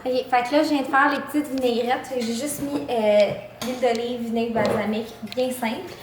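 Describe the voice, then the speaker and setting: A young woman with a fairly high voice and a Quebec French accent talks casually, as in a home vlog, in loose slangy phrases. Clear background noise with small clicks runs through the recording. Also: steady tone, a little fast, echoey room, low-quality recording. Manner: informal, chatty, peppered with slang. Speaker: vlogger.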